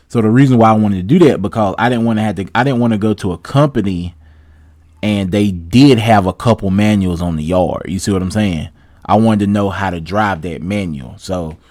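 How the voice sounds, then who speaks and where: A young man, a truck driver giving relaxed, chatty career advice to viewers. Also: on the low side, no room sound, studio quality. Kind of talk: casual advice vlog with read-out tips.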